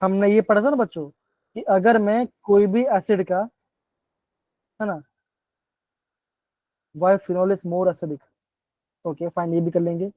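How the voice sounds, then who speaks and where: A man's voice: high-pitched, steady tone, takes it slowly, pauses often, warm tone, dry recording. Male chem teacher on an online class, keeps asking kids to answer, words, muffled dull stream, dry sound. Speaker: chemistry teacher.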